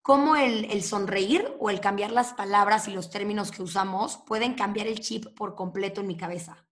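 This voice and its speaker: A woman's voice: mid-range voice, normal speed. Reflective woman host. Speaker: podcast host. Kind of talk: casual interview chat.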